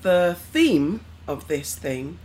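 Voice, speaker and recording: Low-voiced playful woman quizmaster. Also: very animated, slow pace, a little mellow, slight background noise. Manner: bossy, teasing quizmaster. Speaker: podcast co-host running a quiz. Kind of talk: playful casual chat.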